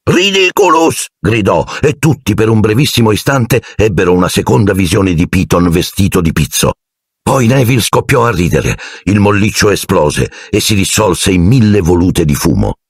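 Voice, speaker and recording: A man narrating an audiobook dramatically, with an animated delivery and voicing each character. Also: deep voice, normal speed, slightly rough, no echo, clean studio sound.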